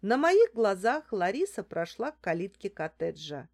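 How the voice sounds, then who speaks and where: A woman narrating a first-person story as an audiobook, in an expressive storytelling manner. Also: medium pitch, moderate pace.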